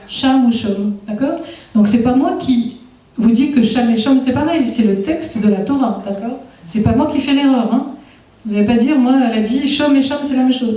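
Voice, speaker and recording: Woman lecturing, mellow voice, keeps asking the crowd questions, far off mic in a big echoey hall. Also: fairly high pitch. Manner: engaging, asks the audience frequent rhetorical questions. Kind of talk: public lecture.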